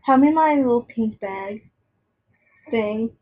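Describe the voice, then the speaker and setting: A woman's voice: on the high side, slow pace, slight background noise. A young woman rambling and teasing a friend in casual chat at home, on a dull lo-fi recording. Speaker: vlogger.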